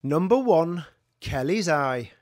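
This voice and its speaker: A man calls bingo in a slow, scripted sing-song. His pitch swings widely as he announces each call. The sound is close and dry, like a studio recording. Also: expressive, a little mellow, no room sound. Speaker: bingo caller. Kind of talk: scripted bingo calling, numbers with rhyming nicknames.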